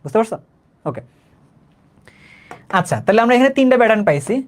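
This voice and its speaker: Young male Bangladeshi tutor, quick patient delivery, repeats points and checks in often. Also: sits high, very animated. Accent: Bangladeshi Bengali. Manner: conversational, keeps checking if students understood; says he talks slowly, repeats himself. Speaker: chemistry teacher. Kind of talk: live online class.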